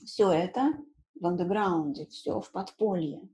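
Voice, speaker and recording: Teaching informally from a small room at home, this woman in her thirties uses simple words, repeats the key ones and slips in brief check questions. Her voice is low-ish, warm and slightly rough, paced in a measured way, and the recording quality is poor.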